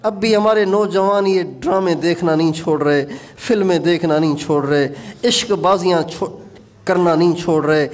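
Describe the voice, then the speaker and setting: A male Islamic preacher with a Pakistani Urdu accent, leading a pleading, repetitive supplication at the end of a sermon. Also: high-pitched.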